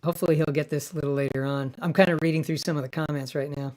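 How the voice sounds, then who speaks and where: A man hosting a casual livestream, his voice pitched up and sped up by a sample rate mismatch on his mic rig, rambling and amused at himself. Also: steady tone, racing, a little mellow. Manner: rambling, self-amused, thinking aloud. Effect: pitched-up chipmunk sound from a sample rate mismatch. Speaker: livestream host. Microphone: streaming mic rig.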